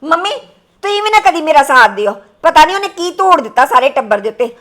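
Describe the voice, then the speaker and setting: A woman playing a quarrelsome young wife in an amateur family drama, with a very high voice. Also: big pitch swings, fast, a bit bright. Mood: aggrieved. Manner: quarrelsome, complaining. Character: sharp-tongued young wife, jealous of sister-in-law. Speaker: daughter-in-law in a family drama.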